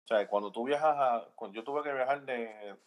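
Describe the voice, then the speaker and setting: A man with a Puerto Rican accent talks as a podcast guest in a voice of ordinary middle pitch. He lays out his views in an earnest, unhurried way, thinking aloud as he goes. He keeps checking in with his listener through quick tag questions. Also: rough recording. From Puerto Rico. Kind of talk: casual opinion chat.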